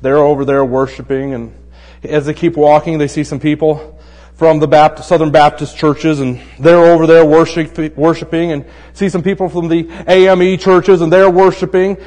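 A man preaching a conversational sermon who asks rhetorical questions and drops into a hushed voice to make his points. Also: on the high side, moderate pace, in a large hall. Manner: tells jokes in a relaxed storytelling way. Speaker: pastor.

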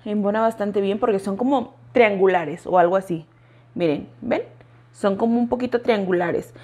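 Woman vlogging, chatty product review, mid pitch, keeps talking to her viewers. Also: darkish tone. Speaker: beauty vlogger.

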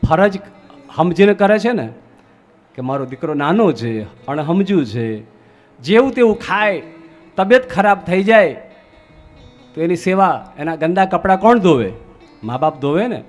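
A young Gujarati man preaching a sermon from the dais, asking his listeners rhetorical questions and answering them himself. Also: high-pitched. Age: young adult.

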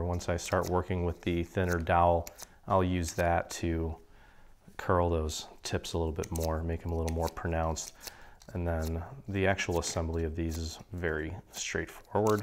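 At an indoor craft table, a deep-voiced, slightly hoarse man gives casual step-by-step crafting instruction. He's a relaxed, chatty tutorial host who clears his throat now and then, and there's a little hiss or hum in the recording.

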